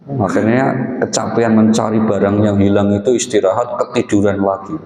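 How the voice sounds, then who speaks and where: A man's voice: on the low side, steady tone, moderate pace, dark tone. A man preaching a dawn sermon in a mosque with an Indonesian accent, speaking to the men as "Pak" with folksy humor. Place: mosque hall. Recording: echoey hall with long reverb.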